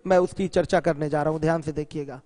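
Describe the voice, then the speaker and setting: A male math teacher gives an online geometry lesson in a bright, high voice, speaking fast with a steady tone. He keeps quizzing his students and supplying the answers himself, slips into English for technical terms, and reads viewers' questions aloud. The recording is close and dry, though a long hall reverb trails behind his words.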